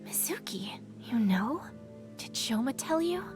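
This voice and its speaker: A woman voicing a gentle, remorseful young woman in a game, soft and sorrowful as she speaks. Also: on the high side, very animated, a little slow. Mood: sorrowful, resigned. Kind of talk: scripted game acting. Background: music.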